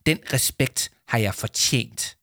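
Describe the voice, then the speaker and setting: A man's voice: medium pitch, fairly even intonation, no echo, clean studio sound, lightly acted. A man doing a sneering, arrogant debater. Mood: scornful. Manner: sneering, scornful. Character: arrogant condescending adult male debater.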